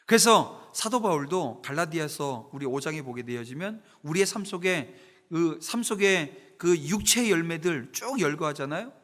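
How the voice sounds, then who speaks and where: A man's voice: on the high side, fairly bright tone. A middle-aged man preaching a Sunday sermon as pastor, emphatic, asking the congregation rhetorical questions. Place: church sanctuary. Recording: reverberant church sanctuary.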